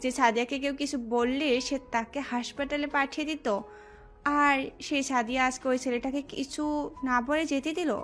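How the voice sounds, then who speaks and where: A brash young college bully girl voiced by a woman in an audio drama. She speaks in a high, aggressive, taunting voice. Faint music runs underneath. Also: steady tone, normal speed, a bit bright. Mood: incredulous. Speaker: friend of the gang leader. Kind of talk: Bengali audio love-story drama. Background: faint background music.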